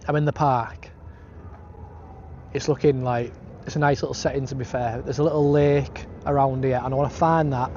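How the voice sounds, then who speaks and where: Outdoors in a park and city streets, a British man addresses his travel vlog in laddish slang at a moderate pace. His mid-range voice has a steady, darkish tone. The outdoor recording sounds dull and lo-fi, with noise from the street.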